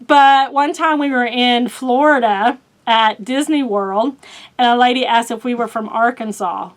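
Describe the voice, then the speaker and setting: Chatty Oklahoma woman with a high voice. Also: a little slow. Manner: chatty, rambling with many fillers, laughs at herself. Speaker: book vlogger. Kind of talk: casual chat.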